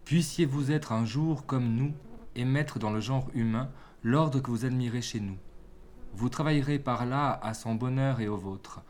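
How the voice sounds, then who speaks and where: A man's voice: mid-range voice, a little slow, darkish tone, slight background noise, lightly acted. A man voicing a solemn queen bee who lectures a young prince in a fable reading. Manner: solemn, moralizing. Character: queen bee, stately, instructive.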